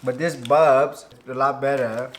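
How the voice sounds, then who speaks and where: A young woman chats casually with a friend, relaxed and giving short reactions. Her voice is strikingly deep for a woman. Faint noise hangs in the background of the handheld camera recording. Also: unhurried. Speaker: friend of the vlogger. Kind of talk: casual chat.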